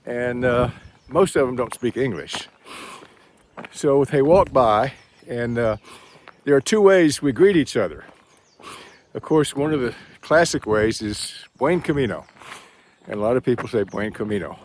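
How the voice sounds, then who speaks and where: A man's voice: mid-range voice, darkish tone. A man with a Texan accent records a loose, rambling vlog on his phone as he walks a rural trail. He talks in an easygoing, conversational way, thinking aloud as he goes. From Texas. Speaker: vlogger. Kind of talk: casual walking vlog.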